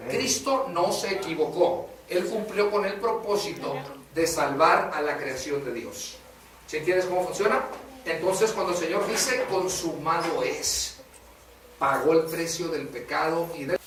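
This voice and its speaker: A man preaching a sermon in a casual way, often calling the listener "brother" and asking "right?". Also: high voice. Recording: echoey room, voice from a distance.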